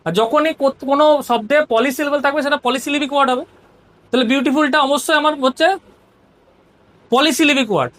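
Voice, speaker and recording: With a high, fairly bright voice, a fast pace and frequent pauses, a woman teacher with a Bengali accent explains grammar one step at a time. She often asks "ঠিক আছে?" to confirm her students are following.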